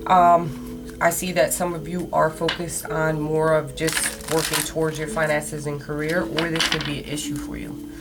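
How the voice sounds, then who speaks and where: A woman's voice: sits low, little pitch movement, moderate pace. A woman giving a mystical horoscope tarot reading in a casual, conversational way, speaking straight to her listeners. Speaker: tarot card reader. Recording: loud background music. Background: music, shuffling cards.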